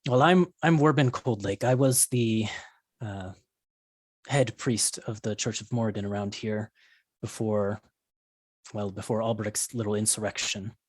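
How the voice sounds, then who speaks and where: A man voicing a gentle, caring male dwarf priest with a hesitant, soothing way of talking in a tabletop game. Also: lowish voice, unhurried, no room sound. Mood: polite, hesitant.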